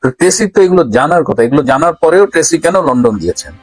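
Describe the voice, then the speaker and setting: A man's voice: a little high, animated, very fast, no room sound, soft background music, poor audio. A man giving political news commentary, arguing point by point and posing pointed questions, with frequent hesitations.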